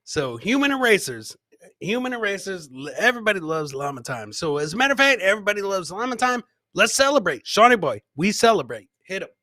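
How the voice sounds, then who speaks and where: Hosting a live comedy show, this middle-aged man trades casual livestream banter with chat, reacts to clips, and echoes phrases like a hype man. He speaks in a high, sing-song, brisk voice with a bright, forceful tone. There's no echo, with a close boom podcast mic or headset.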